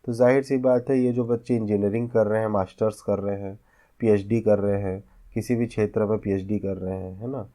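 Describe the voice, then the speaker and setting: Brisk and warm, with fairly low pitch and even intonation, this male vocational instructor from India delivers a classroom lecture. He explains the process step by step and keeps checking that students follow along.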